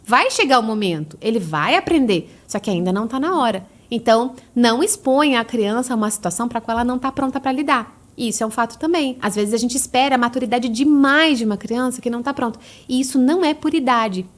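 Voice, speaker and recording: A Brazilian woman in a casual podcast interview, talking about parenting in a lively way and acting out parent and child voices. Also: on the high side, fast, hardly any pauses. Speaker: guest, parenting educator.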